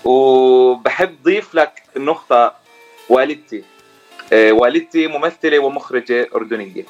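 Young man, Jordanian Arabic accent, casual interview guest, medium pitch, faint music behind. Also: moderate pace, dull audio. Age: young adult.

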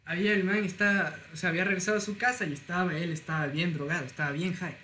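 A young man, chatting on a podcast and telling lively stories with frequent laughter. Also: high-pitched, fast talker, slight background noise. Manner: animated storyteller, laughs often. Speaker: podcast host. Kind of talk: casual chat.

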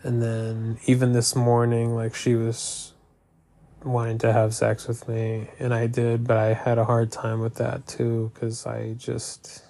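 Gravelly, flat-voiced young man. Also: medium pitch, a little slow. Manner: hesitant, many fillers and restarts. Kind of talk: personal confessional monologue.

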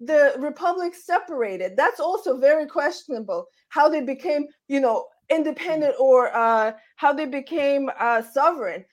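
A woman from Belarus with a high voice argues politics as a panelist. She is insistent and repeats her phrases to drive the point home. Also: lively intonation, moderate pace, few pauses. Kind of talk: heated political debate.

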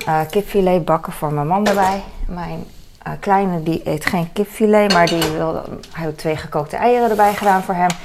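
A woman's voice: fairly low pitch, noisy background. A middle-aged woman chatting casually in her home kitchen, rambling with many fillers. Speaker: vlogger. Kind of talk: casual vlog chat. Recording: clattering dishes nearby. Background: clinking dishes and cutlery.

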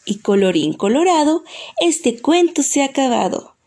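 A woman narrating a children's story in a gentle, expressive way, now and then asking the listener questions. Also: high voice, normal speed.

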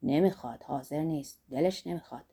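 A woman voicing a rough, lusty old man who talks bluntly and boastfully about life and age. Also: low-pitched, mellow, voice pushed down. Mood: coaxing.

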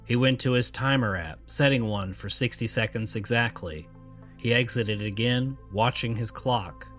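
A man narrates a creepy story in a steady, measured way. His voice sits at an ordinary middle pitch. Faint music plays beneath him. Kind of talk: scripted narration.

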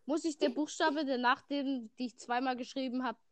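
A woman's voice: high voice, fairly even intonation, normal speed, no room sound. A teenage girl chatting playfully in a casual dare game, giggling often.

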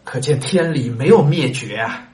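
A man's voice: mid-range voice, animated, normal speed, darkish tone, lightly acted. A man voicing a downtrodden male servant who keeps pleading and complaining about his lot. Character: downtrodden male servant, whiny and self-pitying.

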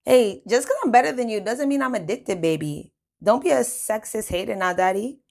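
A woman's voice: sits low, normal speed. A woman voicing a brash, flirty female friend who teases everyone. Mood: teasing. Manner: teasing, bold.

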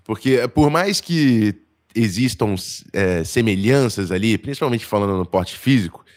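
A Brazilian man hosting a casual sports podcast in informal, halting, slangy talk, his voice slightly strained and failing. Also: lowish voice, expressive. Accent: Brazilian Portuguese. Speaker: podcast host.

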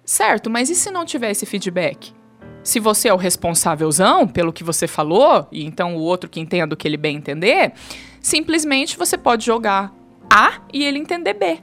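A Brazilian woman in her thirties speaks as a guest expert on a studio talk show. Her voice sits a little high, and she explains at length with animated, acted-out examples of what people say. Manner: animated, acts out quoted speech. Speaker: communication specialist guest.

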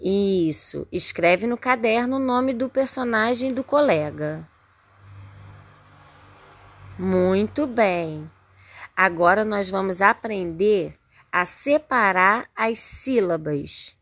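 A woman's voice: mid-range voice, expressive, slow, a bit bright, no echo. A Brazilian woman teaching first graders in a recorded lesson, patiently sounding words out syllable by syllable and praising often. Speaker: primary school teacher. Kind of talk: recorded remote lesson for young children.

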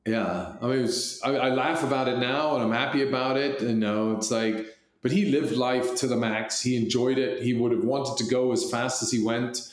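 A man born in Hong Kong, co-hosting a podcast, telling stories in a rambling, animated way with many restarts. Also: medium pitch, moderate pace. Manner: rambling, animated storytelling with frequent restarts and laughs. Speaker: podcast co-host. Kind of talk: casual conversation. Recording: echoey room sound.

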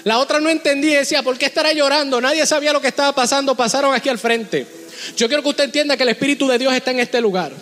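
A man's voice: very high voice, very fast, a bit bright. A man preaching a fervent sermon as pastor, urging his congregation. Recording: long hall reverb with music behind.

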